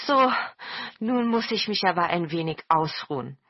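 A woman's voice: lowish voice, lively intonation, normal speed, lo-fi sound, over music. A woman voicing a humble old village man in a storybook reading, mild and modest.

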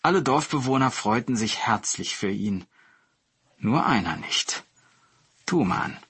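Slow, husky storybook narrator. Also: male voice, mid-range voice, animated, a bit bright, dry recording.

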